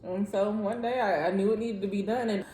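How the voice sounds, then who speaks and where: A woman's voice: medium pitch, fairly even intonation, brisk, mellow. Woman chiming in with quips, echoey room. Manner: chimes in with short quips and laughs. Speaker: co-host partner. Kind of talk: casual chat.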